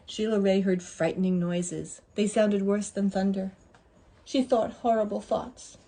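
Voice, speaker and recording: Slow, husky woman reading to children. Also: mid-range voice, steady tone, mellow. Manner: deliberate, pausing to ask listeners questions. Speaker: children's story reader. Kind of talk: expressive picture-book read-aloud for young children.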